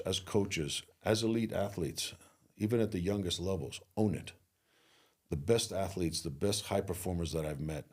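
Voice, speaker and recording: A middle-aged man from Greece speaks in an interview with a very deep, low voice and a husky grain. He talks earnestly and motivationally as a leadership coach, slowing down to stress his key points. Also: darkish tone. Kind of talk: interview conversation.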